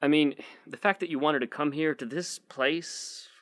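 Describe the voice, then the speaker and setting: A man's voice: on the high side, fairly even intonation, moderate pace, a bit bright, voice pushed up, natural voice. A man reading a story, voicing an earnest young male activist who lectures his girlfriend.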